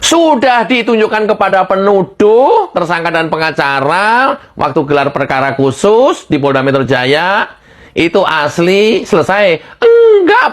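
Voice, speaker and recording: A woman giving heated political commentary, firing rhetorical questions and laughing mockingly. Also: medium pitch.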